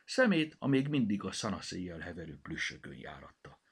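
Creaky-voiced man telling a children's story. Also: deep voice. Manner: lively, expressive reading.

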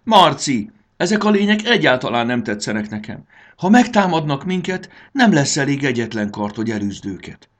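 A man voicing a tiny, brave and excitable fairy girl in a storybook reading, with high shrill cries. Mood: alarmed. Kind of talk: audiobook character voice.

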